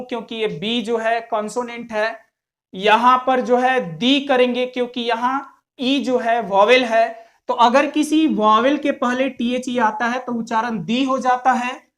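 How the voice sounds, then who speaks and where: Slow, patient male English teacher. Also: very high voice, a bit bright. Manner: patient, repeats each point and asks the class questions. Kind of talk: classroom-style pronunciation lesson.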